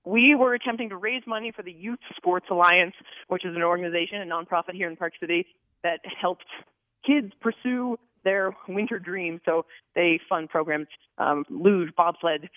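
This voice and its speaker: A woman's voice: fairly low pitch, normal speed, no echo. A woman guest on a phone interview, talking while walking and carrying her skis. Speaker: Olympic mogul skier, guest. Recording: thin phone line.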